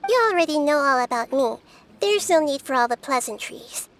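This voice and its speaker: An actress voicing a small, childlike goddess of wisdom in a video game, gentle, precise and composed. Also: female voice, high voice, lively intonation, moderate pace, slight background noise. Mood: calm, knowing. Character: small childlike female deity of wisdom, calm, perceptive.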